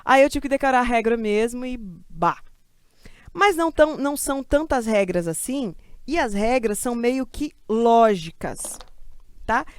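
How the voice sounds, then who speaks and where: A woman from Brazil teaching a grammar lesson for exam prep, lively and chatty, asking questions and answering them herself. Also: on the high side, no echo, clean studio sound.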